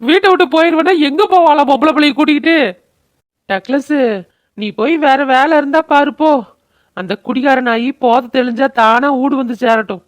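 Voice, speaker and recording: A woman's voice: high-pitched, moderate pace, no echo, close to an everyday voice. A woman voicing a weary, scolding older mother-in-law in a cartoon, worn down by her drunkard son. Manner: scolding, world-weary, anxious. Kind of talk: cartoon voice acting.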